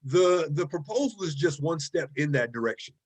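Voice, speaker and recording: A man with a somewhat high speaking voice teaches a college writing class over a video call from his desk. His delivery is loose and conversational, peppered with "okay?" and "right?" and with repeated words as he searches for the next phrase. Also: expressive, moderate pace, slight background noise. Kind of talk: casual online class lecture.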